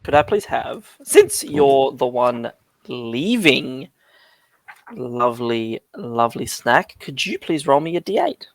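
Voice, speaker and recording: A man runs a tabletop game, rambling through his narration with plenty of "like" and "um." His pitch rises and falls a lot, and the mic sounds dry and close. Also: very animated, slow pace, creaky, no room sound. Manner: rambling, lots of "like" and "um". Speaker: dungeon master.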